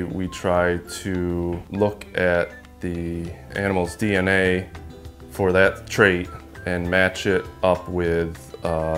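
A man in his thirties, a genetics manager, explaining his work in a steady, matter-of-fact way from a small office. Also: deep voice. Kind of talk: explainer to camera. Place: small farm office, later barn.

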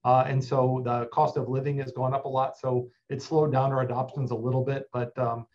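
A man's voice: mid-range voice, flat delivery, brisk, darkish tone, lo-fi sound. A man in his forties explaining shelter services steadily over a video call, with many filler sounds. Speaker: animal shelter representative. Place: office with plain wall.

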